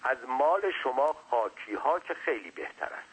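A man's voice: mid-range voice, big pitch swings, fairly bright tone, slightly rough, pitched above the performer's own voice, rough recording. A man voicing a small, talkative non-human servant who speaks deferentially and lectures at length. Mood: chatty.

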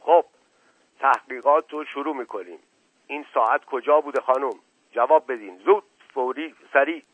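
A man's voice: medium pitch, slightly rough, no room sound, lightly acted. Man doing a keen young cop, eager to please, phone-like audio. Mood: officious. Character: eager, flattered junior police officer. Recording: tinny lo-fi dry audio.

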